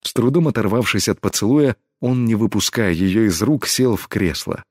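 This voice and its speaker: A man narrating a romance audiobook in calm, measured scripted narration. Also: fairly low pitch, no room sound, studio quality.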